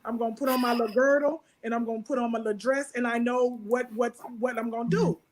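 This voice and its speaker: A woman's voice: fairly high pitch, fairly even intonation, quick pace, poor audio. A woman on a church panel discussion, talking frankly and matter-of-factly from her own experience. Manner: frank, matter-of-fact, speaks from personal experience.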